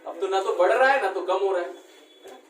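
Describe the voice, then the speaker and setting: Male math teacher, higher voice, quizzing a class, recorded from a distance in an echoey room. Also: fairly quick. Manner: keeps quizzing students, checks understanding with short questions. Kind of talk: classroom lesson. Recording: echoey room, mic far off, faint background noise.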